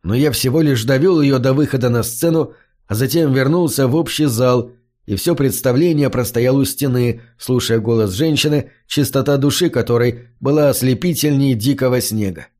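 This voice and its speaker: A man reading a first-person fantasy audiobook in an even, measured way. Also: mid-range voice. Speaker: audiobook narrator. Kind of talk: scripted storybook narration.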